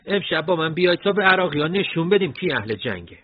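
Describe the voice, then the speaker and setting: A reckless, fierce commander with an Isfahani accent, barking orders high and loud, as a man narrating puts him on. The voice is husky. The recording has a dull, lo-fi sound. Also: very animated, full character voice. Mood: commanding. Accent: Isfahani Persian.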